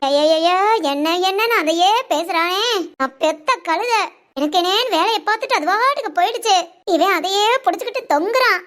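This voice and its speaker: A woman's voice: very high voice, expressive, a little fast, fairly bright tone. A woman voicing a whiny old cartoon mother-in-law. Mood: fretful. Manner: complaining, whiny and chiding. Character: aching elderly mother-in-law, grumbling and fussy. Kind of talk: Tamil family cartoon voice acting.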